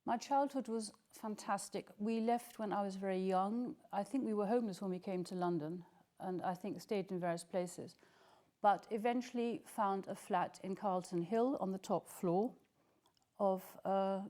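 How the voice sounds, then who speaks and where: An older woman telling childhood memories in an interview, enthusiastic and full of "um"s. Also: mid-range voice. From Scotland. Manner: warm, enthusiastic storytelling with frequent "um"s. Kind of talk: reminiscing interview.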